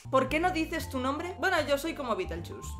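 A woman's voice: high-pitched, sing-song, normal speed. Young woman from spain doing a silly q&a, swears a lot, light music under her. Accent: Spain Spanish. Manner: joking, swears often, jumps between silly voices. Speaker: YouTuber. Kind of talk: casual Q&A vlog.

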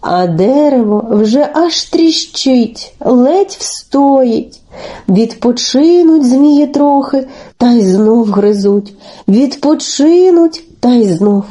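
A woman narrating a folk fairy tale for children in an expressive, sing-song storytelling manner. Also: high-pitched, slow pace.

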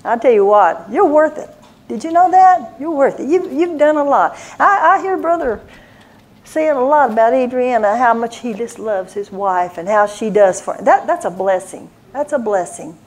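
Her voice fairly high and her intonation lively, an older woman preaches a folksy sermon at a moderate pace. She fills it with family stories and frequent laughter as a church speaker.

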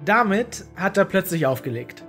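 A woman narrating a story in an even, deadpan manner. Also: medium pitch, normal speed, soft background music. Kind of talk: audio horror story reading.

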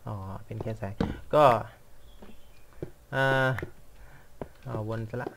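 A young man, a gaming vlogger, chats casually and rambles while playing a game, poking fun at himself and muttering at the action on screen. He speaks slowly against a noisy background.

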